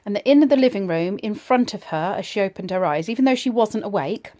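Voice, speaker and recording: A woman casually telling a personal ghost story in a reflective, slightly hesitant way, pausing between short phrases. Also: mid-range voice, lively intonation, warm tone.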